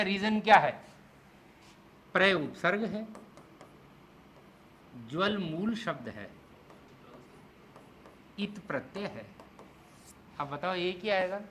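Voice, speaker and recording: Bright-voiced male Hindi teacher. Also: high voice, slight background noise. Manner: explains step by step, asks the class "clear?"; slows down and spells out syllables to teach pronunciation. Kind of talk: exam-prep lecture.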